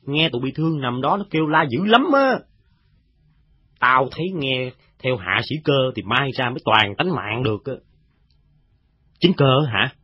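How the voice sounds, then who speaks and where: A man's voice: mid-range voice, dry recording. A man voicing a coarse, chatty soldier. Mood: grumbling. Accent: Southern Vietnamese. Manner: rough, chatty storytelling with swings in loudness. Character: gossiping rank-and-file male soldier, coarse and boastful. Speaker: voice actor in an audio drama. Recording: dull, dry lo-fi recording.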